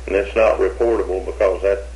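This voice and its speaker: A man's voice: sits low, steady tone, fairly quick, a little mellow, slight background noise, rough recording. An older man being questioned, talking in a hesitant, rambling way with many restarts, heard on an old interrogation tape recording.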